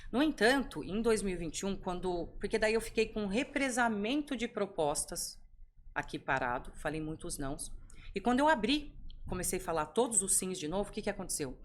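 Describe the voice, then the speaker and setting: A middle-aged woman speaking as a podcast guest, telling stories with lively rhetorical questions. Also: medium pitch, fairly quick, slight background noise. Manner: animated storytelling, rhetorical questions. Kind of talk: conversational interview.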